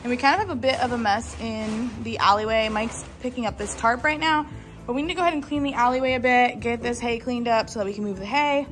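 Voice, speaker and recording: A woman's voice: on the high side, quick pace, music in the background, low-quality recording. A young woman, heavily pregnant, chatting casually to her viewers while filming herself with a phone in a farm barn. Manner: chatty, talks to viewers and animals. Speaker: vlogger. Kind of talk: casual vlog narration. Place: farm barn and pasture, outdoors and in open barn. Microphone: phone held at arm's length.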